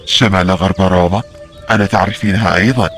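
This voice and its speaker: A man's voice: low-pitched, fairly even intonation, fast talker, a bit bright, faint music behind. A man playing stern ancient Roman soldiers and officers in an audio drama. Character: gruff Roman soldiers and commanding officers, adult men.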